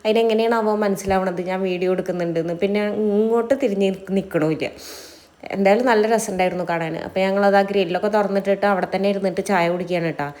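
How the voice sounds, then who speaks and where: A woman's voice: medium pitch, fairly even intonation, quick pace, a little mellow. A woman, a mother, chatting casually to the camera about her day at home, homely and talkative, often correcting herself mid-sentence. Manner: chatty, homely, self-correcting as she talks. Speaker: mom vlogger. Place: home kitchen and dining area.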